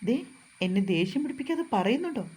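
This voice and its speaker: Woman doing a spunky young wife, higher pitched, indignant comebacks, storybook read. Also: animated, dark tone, slightly rough. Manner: indignant, quick retorts. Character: feisty, sharp-tongued young wife. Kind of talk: storybook narration.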